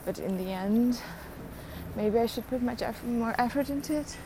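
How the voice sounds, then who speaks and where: A woman's voice: a little high, moderate pace, noisy background. A young adult woman hosting a podcast, rambling through a casual solo rant, mocking herself and laughing often. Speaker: podcast host.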